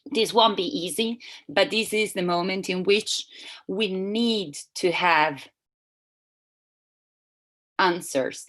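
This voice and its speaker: A woman interpreting a seminar talk live, speaking haltingly with frequent restarts and self-corrections. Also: medium pitch, fairly bright tone, low-quality recording. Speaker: simultaneous interpreter.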